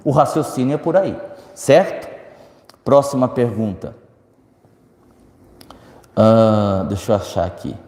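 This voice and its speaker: A man with a lowish voice and a Brazilian Portuguese accent gives a spiritist lecture slowly, leaving long pauses. He is lively nonetheless, speaking directly to the audience, answering their questions and acting out quoted voices, while the hall adds an echoey reverb.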